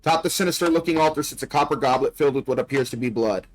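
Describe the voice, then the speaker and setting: A man's voice: medium pitch, rapid-fire. A man doing a casual let's play, reading game text aloud with muttered, dryly understated asides. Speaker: video game player and commentator.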